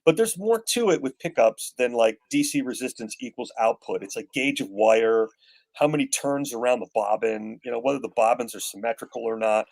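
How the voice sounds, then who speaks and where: A man's voice: mid-range voice, a little fast, vocal fry, darkish tone. A man in his fifties chatting casually as a guest guitarist, rambling with gear-nerd enthusiasm. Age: 50s. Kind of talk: casual chat.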